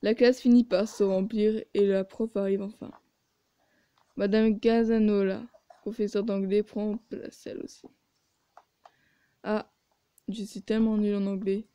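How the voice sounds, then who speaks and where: Slow-spoken woman reading a game aloud. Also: mid-range voice, level tone, warm tone, smooth, dry recording. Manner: sarcastic asides. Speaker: video game player. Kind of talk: reading a story game aloud with side comments.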